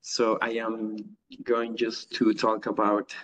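A man's voice: on the low side, completely flat delivery, slow pace, a little hiss or hum. A man from Ecuador, giving an online academic talk over a video call with many fillers and restarts. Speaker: guest lecturer. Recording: distant, dull video call audio.

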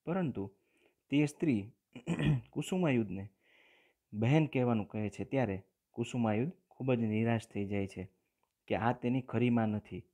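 Mellow-voiced Gujarati man teaching a lesson. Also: mid-range voice, normal speed, long pauses. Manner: reads story passages aloud, then explains them plainly; clears throat often. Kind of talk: reading and explaining a textbook lesson.

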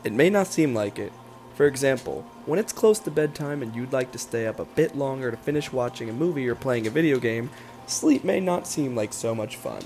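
A man's voice: mid-range voice, expressive, brisk, music in the background. A man giving scripted documentary narration for kids, friendly and asking the listener questions.

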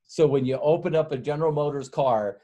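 A man's voice: fairly high pitch, fairly quick, mellow. A middle-aged man giving a motivational sales workshop as a guest speaker, telling a rambling story with many fillers and frequent chuckles.

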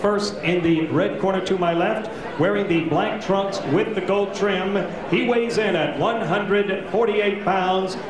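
High-pitched male arena announcer, slow and echoey. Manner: arena announcer delivery, drawn-out and proclaiming. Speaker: ring announcer. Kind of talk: formal arena fight announcing. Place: indoor boxing arena at a casino hotel. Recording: echoey hall, distant PA, crowd noise.

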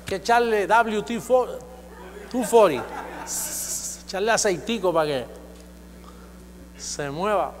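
Male preacher, high voice, exhorting sermon that climbs into loud declarations; reverberant hall with a faint hum. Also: expressive, slow pace, long pauses, a faint crowd.

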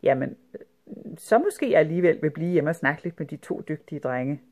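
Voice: mid-range voice, lively intonation, darkish tone. A reader voicing a strict, suspicious mother in a storybook, with a warning, stern way of talking. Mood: curious. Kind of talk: storybook reading.

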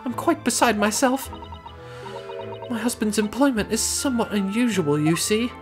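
An anxious, genteel Victorian lady acted out by a man for a game. The voice sits high and swoops about, polite and easily flustered. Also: expressive, moderate pace, music in the background. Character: anxious, genteel, gushing middle-class Victorian wife.

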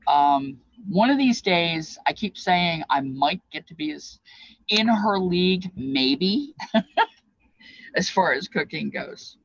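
An older woman past her fifties speaks in a fairly low, breathy voice with lively intonation and a slow pace, presenting and explaining feast dishes. Her talk is informal and reflective, rambling along with bits of reminiscence. She's recorded on a webcam at desk distance in a small, cluttered indoor craft room, and the audio is dull with no room sound.

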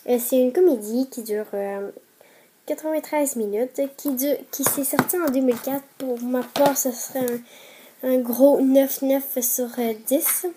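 A fairly high, mellow-toned woman with a Québécois French accent gives casual film reviews. She talks in a chatty, enthusiastic way and hesitates often with fillers. A faint noise sits behind her voice. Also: measured pace.

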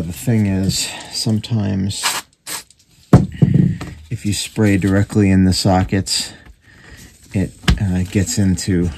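At an indoor workbench, a radio repairer with a very low, creaky voice demonstrates his work, talking slowly in casual hands-on commentary. He is unscripted and halting, thinking aloud as he goes, and the workshop recording is noisy with clicks.

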